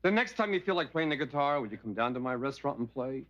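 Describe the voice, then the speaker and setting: An actor playing a quick-talking, reassuring restaurant owner in a sitcom. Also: male voice, medium pitch, expressive, fairly bright tone, close to an everyday voice. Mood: brisk. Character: brisk, kindly restaurant owner. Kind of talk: sitcom acting. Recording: dull lo-fi TV audio with faint hiss.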